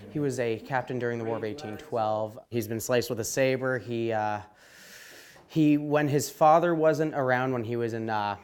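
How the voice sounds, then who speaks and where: A man with a medium-pitched voice gives an informal interview. He explains his part as a volunteer actor in plain conversational speech.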